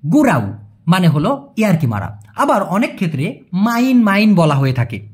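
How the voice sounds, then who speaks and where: Lively up-and-down delivery, patient teacher who repeats each word slowly. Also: medium pitch, slightly rough. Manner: explains patiently, repeats words slowly, acts out everyday examples. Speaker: language teacher. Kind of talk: spoken language lesson.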